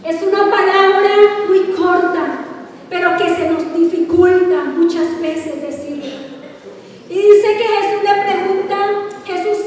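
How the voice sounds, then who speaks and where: A woman's voice: extremely high pitch, measured pace, a little mellow. A woman pastor preaching a sermon, asking the congregation questions and stretching her emphatic words. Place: large church hall. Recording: echoey hall from far off.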